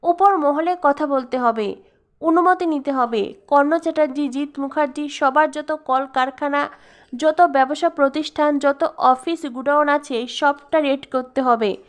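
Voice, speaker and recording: A woman reading the lines of a resolved family man, firm and insistent, with no attempt to lower her voice. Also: measured pace. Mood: resolute.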